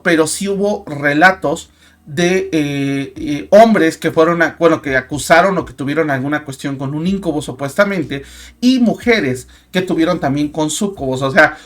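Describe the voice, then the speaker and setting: A man's voice: on the high side, a bit bright. A young man with a Mexican Spanish accent hosting a casual talk show, chatty and full of fillers and restarts. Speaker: host.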